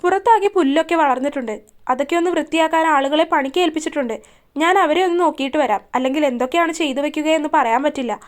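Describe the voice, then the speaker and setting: A woman's voice: high voice, quick pace, close to an everyday voice. A woman reading the lines of a talkative, blunt elderly grandmother in a matter-of-fact way. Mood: chatty.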